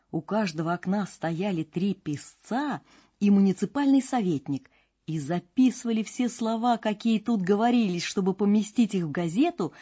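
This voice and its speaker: Husky woman reading a fairy tale. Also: mid-range voice. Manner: expressive, storybook delivery. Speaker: narrator. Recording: dull lo-fi with faint music.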